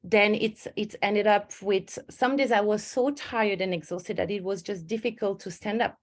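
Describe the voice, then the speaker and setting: This woman, a stress management coach from Switzerland, runs an online webinar via video call using a home computer mic. Her pitch is medium and her pace moderate. Her manner is earnest and personal, and she often revises what she's saying mid-sentence.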